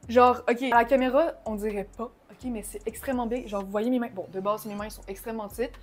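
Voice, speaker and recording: Chatty young Québécoise, higher voice. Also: female voice, quick pace. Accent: Québécois French. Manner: chatty, mixes in English slang and swearing; bursts of excitement. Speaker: vlogger. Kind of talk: casual haul vlog.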